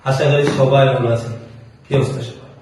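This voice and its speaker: A man's voice: medium pitch, flat delivery, quick pace, darkish tone, very echoey, recorded from a distance, slight background noise, rough recording. A man teaching spoken English pronunciation. He spells words out letter by letter and answers his own questions. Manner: repeats answers in call-and-response questions. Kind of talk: classroom lesson.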